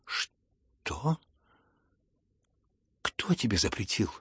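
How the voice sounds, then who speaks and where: A man voicing a hot-tempered, imperious older noblewoman in an audiobook, with sharp scolding outbursts and a gravelly, husky voice. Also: lowish voice, big pitch swings, extremely slow, no echo, clean studio sound, heavily acted. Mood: furious. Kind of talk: audiobook character reading.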